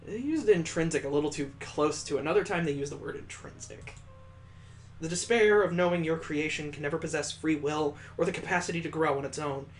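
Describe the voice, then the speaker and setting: A man hosts a gaming video, reading visual novel text aloud in a playful, expressive way and tossing in joking asides of his own. His voice is a little high and a little fast, with faint music behind him.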